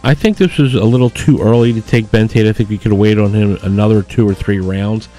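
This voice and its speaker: A man's voice: lowish voice, steady tone, quick pace, warm tone, faint music behind. A man co-hosting a radio sports show, easygoing and agreeable, laughing often. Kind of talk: casual radio sports talk.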